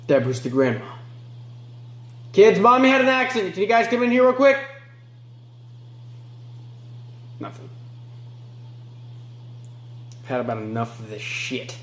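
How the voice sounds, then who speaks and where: A man playing a remorseless male killer in an amateur film monologue, moving between low mutters and sharp outbursts. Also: huge pitch swings, fast, few pauses, echoey room. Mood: cold, detached. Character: remorseless male killer recounting his crimes.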